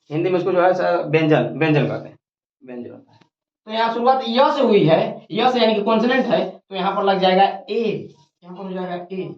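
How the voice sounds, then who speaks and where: Lively-pitched tutor teaching grammar step by step, in an echoey room on dull, lo-fi audio. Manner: repeats each point, asks questions and answers them. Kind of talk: whiteboard grammar lesson. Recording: roomy, dull lo-fi recording.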